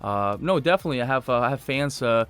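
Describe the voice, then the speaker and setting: A man's voice: medium pitch, expressive, quick pace, fairly bright tone, clean tone. A young man, a basketball player talking casually in a radio interview, stumbling and restarting often. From Lithuania. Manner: hesitant, many restarts and fillers.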